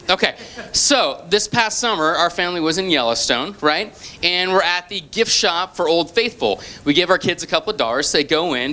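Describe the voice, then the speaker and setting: Middle-aged man doing stand-up, slightly high. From Portland, Oregon. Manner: storytelling with punchy deadpan asides. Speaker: stand-up comedian. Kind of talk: stand-up comedy set. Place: comedy club stage. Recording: noisy live club recording. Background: audience laughter.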